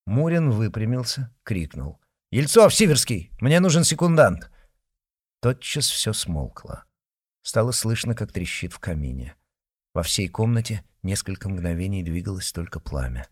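A man narrating a historical detective audiobook with dramatic, expressive reading. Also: sits low, moderate pace, breathy edge. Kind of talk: scripted narration.

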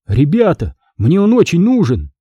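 Man doing a nervous young boy, pleading, higher voice, husky. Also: sing-song, moderate pace, dark tone, dry recording, dull audio. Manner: urgent, pleading. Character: anxious boy hero, about twelve. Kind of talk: audiobook character reading.

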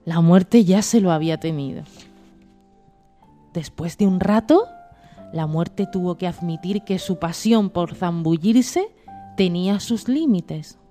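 A woman narrating a storybook tale aloud in a gentle, measured reading voice. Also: on the low side, faint music behind. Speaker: story reader.

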